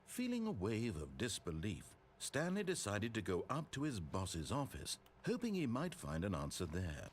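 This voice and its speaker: A man voicing a wry, omniscient storybook narrator, measured and dry, over game music. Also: lowish voice, huge pitch swings, slight background noise. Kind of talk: scripted narration.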